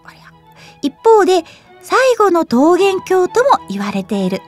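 A young woman hosts a casual radio show in a high, bouncy voice. She reads trivia, then breaks off into giggly, excited comments, with faint music playing behind her. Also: measured pace. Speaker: web radio host. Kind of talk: casual quiz chat and reading aloud.

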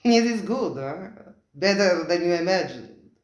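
In a medium-pitched, lightly acted voice that is pushed up, animated and unhurried, a reader plays Spiro, a vehement male restaurant owner given to grandly emphatic speech and questions tagged with "eh?". It feels grand and insistent, with roomy echo around it.

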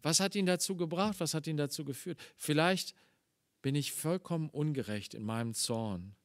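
A man preaching a Sunday morning sermon in German, reading scripture slowly and explaining it with earnest emphasis. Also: fairly high pitch, dry recording, studio quality. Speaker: pastor.

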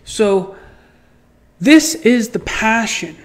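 Guy with a high voice telling a story slow, acts out sound effects, swears a lot. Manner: swears freely, repeats words when excited. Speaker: podcast host. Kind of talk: casual storytelling monologue.

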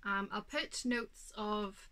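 In a casual show-and-tell, a knitting podcaster in her thirties from Northern Ireland talks about her work from her home craft room. Her medium-pitched voice comes across bright and forceful. The chat is leisurely and full of ums, with a little hay-fever snuffle.

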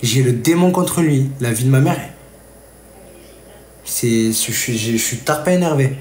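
A man talks straight at his stream audience, worked up and grumbling. His voice sits at an ordinary pitch. The room rings a little and a faint hum lies underneath. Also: expressive, measured pace, a little mellow. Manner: agitated, venting, talks straight to viewers. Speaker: live streamer. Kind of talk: live stream chat while gaming. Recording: roomy with faint noise.

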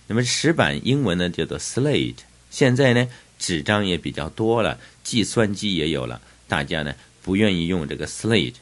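An older man teaching English vocabulary in Chinese, spelling words out letter by letter and slowing down on each English term. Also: sits low.

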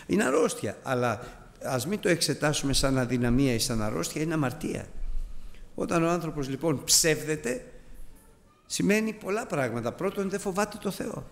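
A man's voice: fairly high pitch, expressive, creaky, long reverb tail. A man teaching a Bible study as a sermon, earnest and emphatic, addressing his listeners as brothers.

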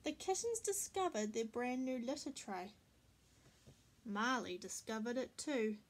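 Woman, children's storyteller, reading aloud, high voice, slow and clear. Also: lively intonation. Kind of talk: reading a picture book aloud.

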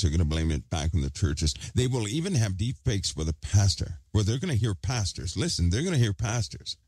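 A very low-pitched man preaches an online sermon, pressing his points with repeated phrases. He talks around a hard object held in his mouth. The recording is dry and close, with no room sound. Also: darkish tone, breathy edge, dry recording. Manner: emphatic, repeats phrases for stress.

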